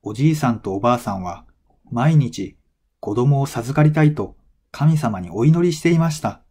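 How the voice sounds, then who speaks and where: A man's medium-pitched, dark-toned voice carries an expressive scripted folktale narration for language learners. The storytelling is measured, with clear phrasing.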